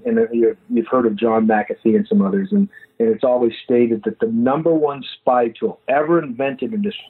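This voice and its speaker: A man in his fifties, a foundation founder, speaking haltingly with many fillers as a guest in a phone-in interview. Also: medium pitch, slightly rough. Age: 50s. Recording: tinny phone line.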